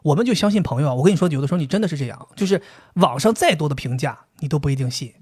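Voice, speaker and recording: A man co-hosting a casual podcast, telling a story in an animated way and laughing often. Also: fairly high pitch, very fast, breathy edge. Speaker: podcast co-host.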